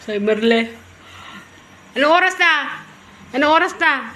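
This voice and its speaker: High-pitched woman vlogger chatting away, repeats herself, lots of traffic noise behind. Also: animated, unhurried, bright, forceful tone. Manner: chatty, repeats questions, teasing. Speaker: vlogger host. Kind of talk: casual chat. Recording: noisy background with passing vehicles.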